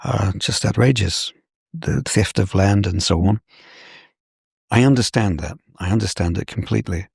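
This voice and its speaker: Older gravelly scholar from New Zealand. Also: male voice, lowish voice, darkish tone, no echo, clean studio sound. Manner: measured, professorial. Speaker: scholar guest. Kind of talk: interview.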